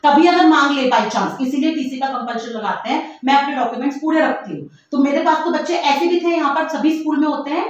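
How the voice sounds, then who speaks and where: A woman's voice: high-pitched, a little fast, hardly any pauses. A woman from northern India, a school principal, arguing insistently and repeating her points in a heated dispute about fees. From Uttarakhand, India. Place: principal's office. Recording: muffled echoey room audio from a distance.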